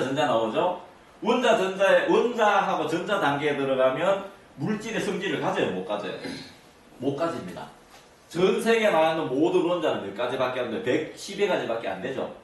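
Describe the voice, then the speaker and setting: A man's voice: fairly high pitch, sing-song, brisk. A man giving an interactive lecture to an audience, constantly asking them either-or questions. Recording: echoey room, mic at a distance.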